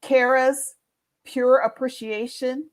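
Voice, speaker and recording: A woman with a slightly higher voice chats playfully on a podcast panel, teasing the others. Her delivery is loose and casual. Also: level tone, slow pace. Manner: playful, teasing, says y'all.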